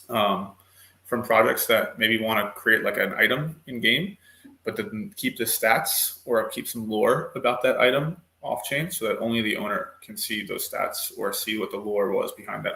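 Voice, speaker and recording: Bright-voiced man in an echoey room. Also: fairly low pitch, normal speed. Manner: explanatory, many ums. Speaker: panel guest. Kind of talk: online panel discussion.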